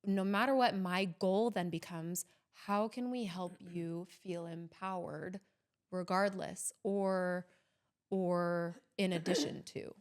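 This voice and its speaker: A woman's voice: on the low side, steady tone, slow pace, clear, resonant tone. A woman therapist on a podcast, thoughtfully explaining her approach in a casual, rambling way. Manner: thoughtful, explains at length with frequent "like" and restarts. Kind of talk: casual conversational interview.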